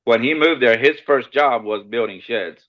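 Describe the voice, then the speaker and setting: A man from Costa Rica, a guest on a podcast, telling his story in a relaxed, friendly way with short answers and small restarts. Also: mid-range voice, moderate pace, lo-fi sound. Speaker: shed hauling business owner, podcast guest. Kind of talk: casual interview chat.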